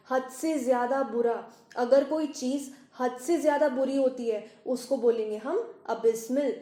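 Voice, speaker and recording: A woman with an Indian accent teaching English vocabulary, saying each English word slowly and explaining it in Hindi. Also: on the high side, warm tone, echoey room. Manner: slow, carefully spelled-out English words, explaining in Hindi.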